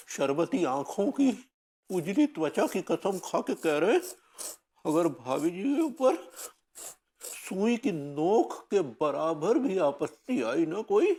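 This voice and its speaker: An actor playing a blustering, cowardly middle-aged husband in a TV sitcom, ranting dramatically and stammering when scared. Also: male voice, a little high, mellow, breathy edge, heavily acted. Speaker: sitcom character.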